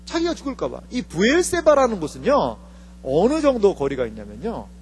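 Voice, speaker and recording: Animated preacher in a reverberant hall. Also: male voice, high voice, fairly quick. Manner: animated, asks the congregation questions. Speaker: pastor. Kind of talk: sermon. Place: church hall. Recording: reverberant hall with faint mains hum.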